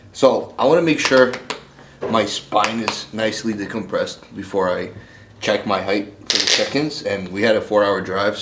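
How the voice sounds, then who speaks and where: A young man from Ukraine vlogging his bodybuilding prep in a relaxed, chatty way, full of fillers and restarts. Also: fairly low pitch, background noise. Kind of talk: casual vlog talk.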